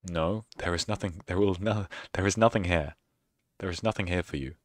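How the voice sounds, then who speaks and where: Deep-voiced and a little fast, a young male streamer chats casually as his stream winds down. He rambles with self-mocking sarcasm into a close mic, and there's no echo.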